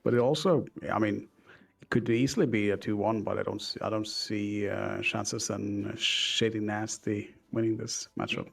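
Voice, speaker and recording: A young Norwegian man co-casts an esports match in casual commentary, speaking with a Norwegian accent, some hesitancy and dry humor. His voice is fairly low and steady in tone, with vocal fry, and he talks at a moderate pace.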